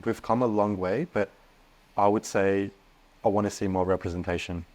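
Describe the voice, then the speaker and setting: A young man speaking as a podcast guest, earnest and animated, often restarting his sentences. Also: lowish voice, moderate pace. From Australia. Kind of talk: casual podcast interview.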